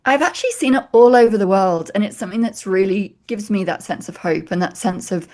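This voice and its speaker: A woman author as an interview guest, giving measured, reflective answers that build points in lists. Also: mid-range voice, a little mellow.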